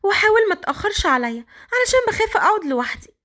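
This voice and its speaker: A woman with an Egyptian accent voicing a timid young orphan girl who pleads in a quick, anxious way. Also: very high-pitched, very animated, fairly bright tone, voice pushed up, full character voice. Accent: Egyptian Arabic.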